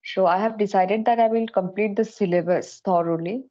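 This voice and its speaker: A woman from India who tutors English, speaking slowly and carefully in a casual practice conversation over a call. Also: medium pitch, warm tone. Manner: slow, careful non-native English. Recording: dull lo-fi call audio.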